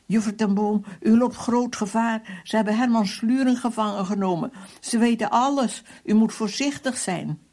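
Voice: mid-range voice, darkish tone, pitched above the performer's own voice, close to an everyday voice. A reader voicing a frightened woman caller who gives an urgent warning over the phone. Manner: urgent, hurried.

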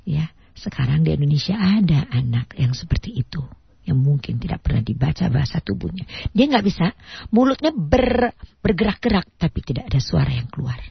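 Older lady on radio parenting talk, super breathy voice, dull lo-fi sound, kinda motherly teacher vibe. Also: deep voice, very animated, fairly quick, dry recording. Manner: warm teacherly, calls listeners "Nak", acts out mother and child dialogue. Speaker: parenting expert guest. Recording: muffled dry radio broadcast.

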